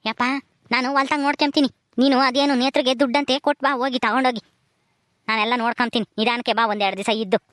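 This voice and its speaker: A woman's voice: on the high side, steady tone, very fast, fairly bright tone, no echo, lightly acted. A woman playing a dutiful young village son who offers to manage the farm.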